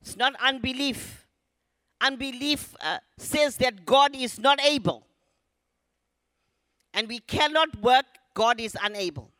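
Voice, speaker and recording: Male preacher, very high and bright voice, dry close sound; emphatic and leads call-and-response. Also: takes it slowly, long pauses, no room sound. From Zimbabwe. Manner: emphatic, calls on the congregation to repeat lines. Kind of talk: sermon.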